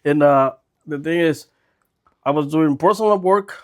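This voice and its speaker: Mexican-accented guy, spanish native, chatting casually as a podcast guest, voice a little higher than most men. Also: measured pace. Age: 40s. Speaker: podcast guest, dental technician. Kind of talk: casual conversational storytelling.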